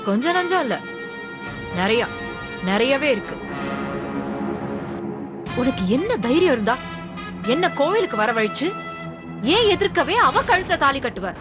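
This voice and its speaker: Brief: a threatening, accusing woman, high voice, clear music bed under. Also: sing-song, unhurried, pauses often. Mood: menacing. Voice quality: menacing, accusing. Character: vengeful woman threatening a man. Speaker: character in a TV serial. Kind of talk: TV serial acting. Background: dramatic background score.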